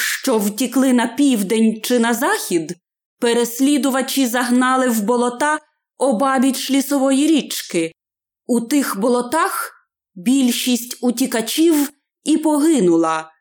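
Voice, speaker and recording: A woman narrating a fairy-tale audiobook in a deliberate storytelling manner. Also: a little high.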